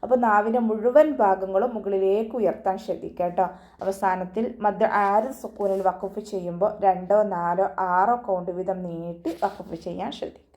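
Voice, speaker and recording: A woman's voice: fairly even intonation, a little mellow. A woman teaching Quran recitation rules in an online class, patiently correcting pronunciation step by step. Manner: chants verses slowly and higher between explanations. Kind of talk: tajweed lesson with slow recited verses.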